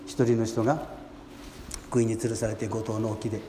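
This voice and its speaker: Earnest priest in an echoey church. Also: male voice, fairly low pitch, level tone, noisy background. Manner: gentle, earnest preaching with long pauses. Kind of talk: sermon at Mass. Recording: echoey church hall with faint ambience.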